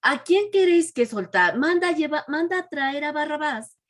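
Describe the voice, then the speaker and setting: A woman's voice: sits high, animated, moderate pace, a bit bright, pitched above the performer's own voice. A woman voicing a stern male Roman governor who questions a crowd in a children's Bible lesson. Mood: questioning. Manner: raised, questioning delivery.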